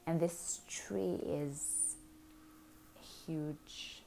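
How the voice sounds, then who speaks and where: Very slow soothing woman, half-whispered. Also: deep voice, fairly even intonation, gravelly, warm tone, slight background noise. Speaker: hypnotherapist. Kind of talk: guided hypnosis session.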